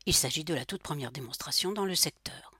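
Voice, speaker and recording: A woman voicing a cold, polite male robot salesman who speaks with calm, metallic confidence in a formal sales pitch. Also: a little fast, breathy edge, dry recording, studio quality, full character voice. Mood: coolly persuasive.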